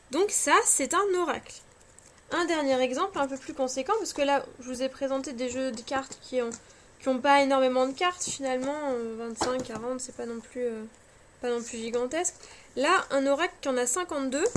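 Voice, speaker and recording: A high-voiced woman talks casually at home, full of hesitant fillers and restarts and gently mocking herself. She sounds a little tired. Faint scratching noise sits behind her voice on the camera mic. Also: a little fast. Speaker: cartomancy vlogger. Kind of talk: casual chat showing card decks.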